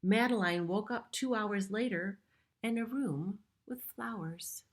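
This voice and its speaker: Reading a picture book to young kids, a middle-aged preschool storyteller pauses to add simple explanations here and there. She speaks at a measured pace in a medium pitch.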